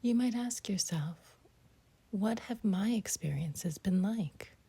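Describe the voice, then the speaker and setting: A woman guides a scripted meditation in a soft, breathy near-whisper with a medium pitch and lively intonation. She speaks in brief phrases and leaves long silences between them.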